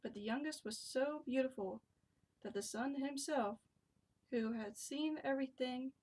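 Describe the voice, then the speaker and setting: Hushed woman reading a storybook. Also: fairly high pitch, rough recording. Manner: hushed, talking quietly so as not to wake someone. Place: home.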